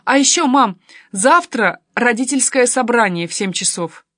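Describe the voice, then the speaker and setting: Woman voicing a cheeky teenage girl, pitched high. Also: expressive, a bit bright, no echo, clean studio sound. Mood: teasing. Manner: quick, teasing, pert.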